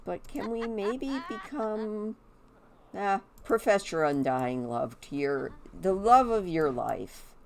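A woman's voice: deep voice, a little hiss or hum. A woman giving casual, chatty game commentary, talking to her characters, with a slight whistle on her s sounds. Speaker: gameplay host.

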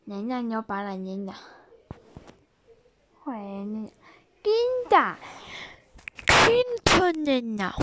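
A woman's voice: a little high, lively intonation, extremely slow, long pauses, background noise. A woman from Spain with a Spain Spanish accent, streaming a horror game live and giving jittery, jumpy commentary that hangs a pet word on almost every phrase.

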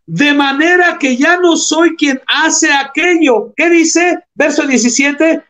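A man's voice: very high voice, a bit bright. A man preaching a sermon, reading scripture aloud and explaining it, calling the congregation brothers and asking them rhetorical questions.

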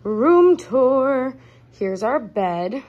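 A young woman narrates her travel vlog at an unhurried pace. Her voice sits a little high, and she giggles a lot while she chats. It is recorded on a handheld phone, with clear traffic and vehicle noise behind her. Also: big pitch swings, highs cut off. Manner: giggly, chatty, often laughing. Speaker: vlogger. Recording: noisy travel background, vehicles.

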